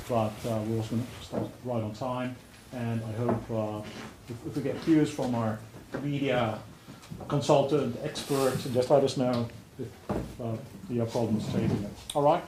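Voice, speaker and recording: A man hosting an event gives an informal, off-the-cuff introduction of a speaker, with halting phrasing. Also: medium pitch, mellow. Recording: roomy hall sound with faint noise.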